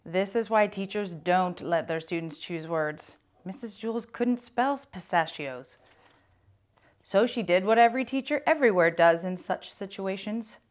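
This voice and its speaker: A woman reading a children's chapter book aloud with clear, expressive storytelling. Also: mid-range voice, moderate pace.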